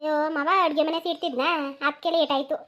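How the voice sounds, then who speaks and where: A woman doing a shrill sharp-tongued daughter-in-law. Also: steady tone. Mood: defensive. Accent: rural Mysore-region Kannada. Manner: defensive, quick retorts.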